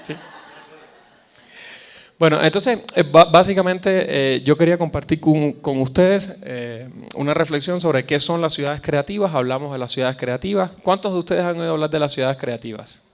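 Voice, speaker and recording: A man's voice: a little high, moderate pace. Man lecturing in Caribbean Spanish accent. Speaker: guest speaker, cultural policy researcher. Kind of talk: public lecture addressing an audience.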